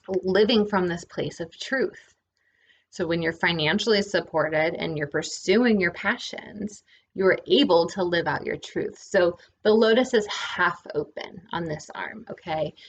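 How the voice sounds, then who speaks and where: A woman's voice: on the low side, highs cut off, a little hiss or hum. A woman giving a casual spiritual lesson, often checking in with "right?". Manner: relaxed, often adds "right?". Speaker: spiritual teacher.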